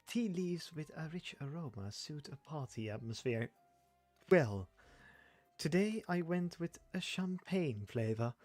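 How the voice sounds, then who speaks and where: A man reading a game's dialogue and narration aloud as a streamer, halting and stumbling a little. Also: a little high, lively intonation, a little mellow, faint music behind. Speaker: game streamer.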